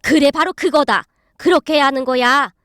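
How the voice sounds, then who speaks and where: A woman voicing a stern old grandmother-in-law who drills her family in scolding, with slow, drawn-out commands. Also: high voice, fairly bright tone, dry recording, studio quality.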